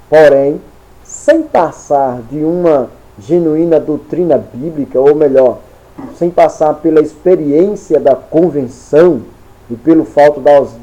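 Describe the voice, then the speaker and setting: A man with a Brazilian Portuguese accent teaching a Sunday school Bible lesson in slow, deliberate short phrases. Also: fairly high pitch, dark tone, low-quality recording.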